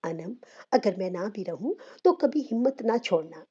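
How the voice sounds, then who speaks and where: A woman voicing a frail, gentle elderly mother who speaks softly and weakly. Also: medium pitch, animated, normal speed, slightly rough, muffled recording. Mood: tender. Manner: soft, weak, tender.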